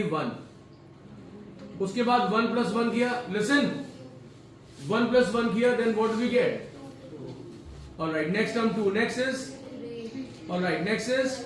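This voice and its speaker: Teaching programming to a classroom, a man with an extremely high-pitched voice switches between Hindi and English and keeps questioning his students. He is recorded from a distant mic in a very echoey room, with faint ambience and slight background noise.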